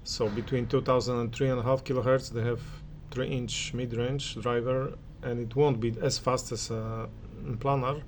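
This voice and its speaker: An audio reviewer shares his listening impressions in an unscripted spoken review of audio equipment, hesitating and often hunting for words. His medium-pitched voice is level and darkish, moderately paced with few pauses, and there's a little hiss or hum.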